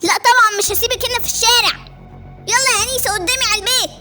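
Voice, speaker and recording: A woman's voice: very high-pitched, very fast, sharp tone, soft background music. A woman with an Egyptian accent voicing a brave, protective young boy in a spoken story. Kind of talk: voiced storytelling.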